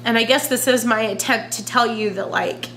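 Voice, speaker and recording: Crying woman, higher voice, halting emotional confessional vlog, some noise behind her. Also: a bit bright. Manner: halting, emotional, searching for words. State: crying, tearful. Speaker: vlogger.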